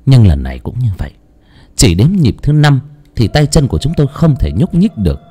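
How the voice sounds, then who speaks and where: A man narrating a first-person ghost story as an audiobook, telling it expressively with dramatic pauses. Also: medium pitch, huge pitch swings, warm tone, husky.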